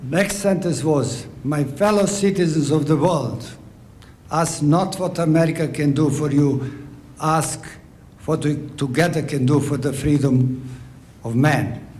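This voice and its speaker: A man's voice: fairly high pitch, measured pace, a little mellow, slightly rough. A man with a Serbian accent speaking from the audience, making earnest, formal remarks and stumbling over words at times. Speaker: audience member asking a question.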